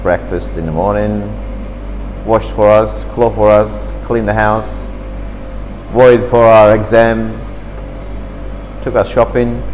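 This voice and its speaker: At a café table indoors, a fifty-something man from Turkey chats in lively, slightly broken English about his childhood, hands gesturing throughout the interview. He speaks slowly in a fairly low voice. The audio, from a camera across the table, is poor, with a large-hall sound and slight background noise.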